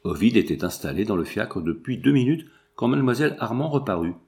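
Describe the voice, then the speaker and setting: A man reading a classic novel aloud as a narrator, steady and measured. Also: fairly low pitch, creaky. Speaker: audiobook reader.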